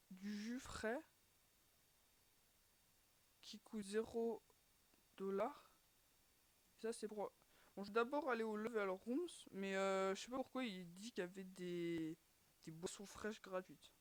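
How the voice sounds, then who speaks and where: Chatty woman narrating her gameplay. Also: mid-range voice. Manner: chatty, filler-heavy, keeps sighing "too bad" at failed attempts. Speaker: gaming channel host. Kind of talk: casual gameplay commentary.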